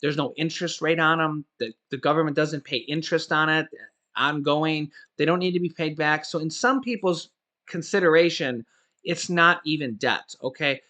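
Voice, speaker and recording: Pushed and bright, his voice leaning high, a man in his forties gives laid-back but emphatic commentary on finance news as a YouTuber. Frequent self-corrections and restarts break up his speech, and he repeatedly asks "okay?" to make his points land.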